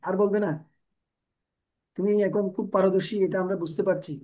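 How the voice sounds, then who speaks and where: Man voicing an old spiritual master, calm, commanding, high voice. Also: a little fast, natural voice. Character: elderly male spiritual master, calm and authoritative.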